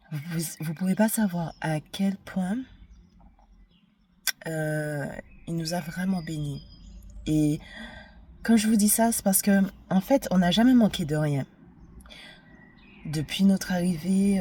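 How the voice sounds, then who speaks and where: Earnest, slow-spoken woman giving testimony. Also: lowish voice, dark tone, recorded from a distance, a little hiss or hum. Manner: earnest, with frequent hesitations. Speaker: mother and vlogger. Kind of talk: personal faith testimony.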